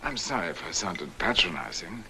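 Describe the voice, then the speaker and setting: A wry, urbane American scholar. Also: male voice, low voice, sing-song, normal speed, creaky, sharp tone, slight background noise, exaggerated voice. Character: suave middle-aged American scholar host, wry. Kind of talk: 1960s film acting.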